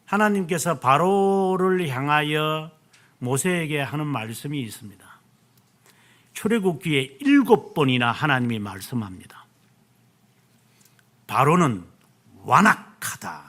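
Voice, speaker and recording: A man's voice: on the high side, very animated, a bit bright. Emphatic male pastor preaching. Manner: emphatic, stretches key words slowly; answers himself with "예". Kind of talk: sermon.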